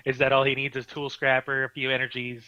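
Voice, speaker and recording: A man doing live card game commentary, excitable, laughing often and restarting his sentences. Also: mid-range voice, brisk, clear, resonant tone, dry recording, highs cut off.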